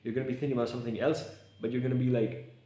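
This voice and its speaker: A young man vlogging in casual, excitable talk to camera, slangy and swearing. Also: medium pitch, racing. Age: young adult. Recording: echoey room.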